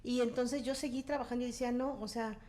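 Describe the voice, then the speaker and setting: Animated woman telling her story. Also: fairly high pitch, fast talker. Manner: animated storyteller, acts out quoted dialogue. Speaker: guest. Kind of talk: casual testimony.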